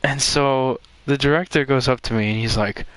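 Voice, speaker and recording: A young man hosting a podcast, telling a story in casual chat with lots of swearing and shouted reenactments. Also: medium pitch, moderate pace, smooth, no room sound. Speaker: podcast host.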